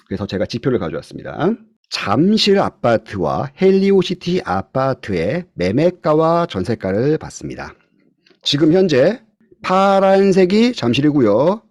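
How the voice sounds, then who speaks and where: A man teaching real estate investing in an online video-call lecture, often putting questions to his class and swinging between loud and soft. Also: mid-range voice, sing-song, moderate pace, no echo, clean studio sound. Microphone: computer mic on a video call.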